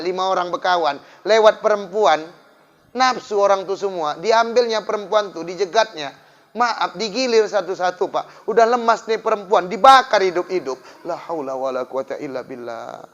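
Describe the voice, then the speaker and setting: Lively preacher. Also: male voice, high-pitched. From Indonesia. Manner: lively, swings from loud to hushed, addresses the crowd. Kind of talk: sermon with storytelling. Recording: dull lo-fi sound.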